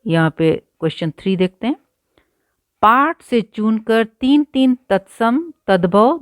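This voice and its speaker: A woman explains a grammar lesson at an unhurried pace, repeating words carefully for her pupils. Her voice sits in a middle pitch, and the recording is dry and close, with no room sound. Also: dry recording. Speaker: Hindi teacher. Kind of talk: line-by-line textbook lesson.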